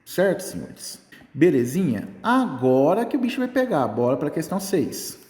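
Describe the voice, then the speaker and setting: A man's voice: fairly high pitch, big pitch swings, normal speed, a little mellow. Chatty male physics teacher in an echoey room. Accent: Brazilian Portuguese. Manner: chatty, keeps checking in with "tá?". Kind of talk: casual exam-prep lesson. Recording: echoey room with long reverb.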